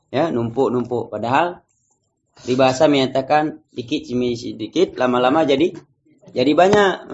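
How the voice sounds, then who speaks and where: A male teacher leading a class, reading phrases slowly and explaining them casually. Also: on the high side, highs cut off. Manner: drills phrases slowly, students repeat. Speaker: Arabic teacher. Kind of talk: classroom lesson.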